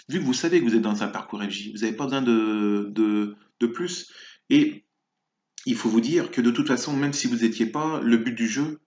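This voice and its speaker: A man talking in a casual spoken monologue as a spiritual vlogger, rambling and hesitant, full of fillers and restarts. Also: mid-range voice. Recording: echoey, slightly muffled room sound.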